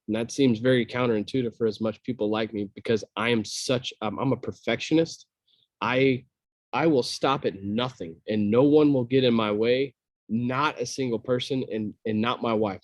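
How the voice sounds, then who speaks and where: Male guest, mid-pitched, blunt and candid, dry close recording. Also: no room sound. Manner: blunt, candid, repeats words. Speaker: podcast guest, business owner. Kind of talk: casual interview chat.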